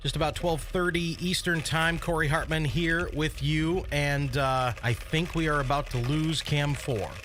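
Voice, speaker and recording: A man gives unscripted live commentary as a stream host. He speaks very slowly in a somewhat high voice, with slight background noise. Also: steady tone, a bit bright. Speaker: livestream host.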